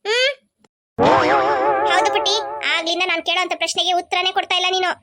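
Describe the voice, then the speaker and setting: A woman voicing a gentle, coaxing male kidnapper in a cartoon. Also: very high voice, fairly even intonation, fast talker, faint music behind. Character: male forest kidnapper, soft-hearted uncle. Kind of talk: cartoon dubbing.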